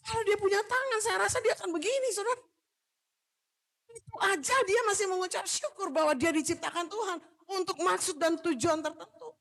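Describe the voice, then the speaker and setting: A woman pastor from Manado giving a loud, animated sermon, joking with the congregation and moving about as she preaches. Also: very high voice, a little fast. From Manado, Indonesia. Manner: jokes with the congregation. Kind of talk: lively sermon.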